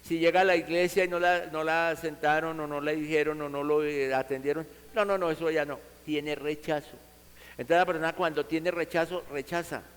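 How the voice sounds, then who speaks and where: A man's voice: on the high side, clear, resonant tone, long reverb tail, poor audio. A man preaching a sermon to his congregation, speaking earnestly and conversationally, acting out vivid quoted examples.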